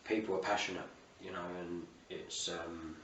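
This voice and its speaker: Male football manager, south-east English British accent, low matey voice, interviewed on a distant mic. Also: fairly even intonation, normal speed, creaky, a bit bright. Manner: colloquial, matey, with frequent "you know". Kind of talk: post-match interview. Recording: roomy, distant mic, faint ambient noise.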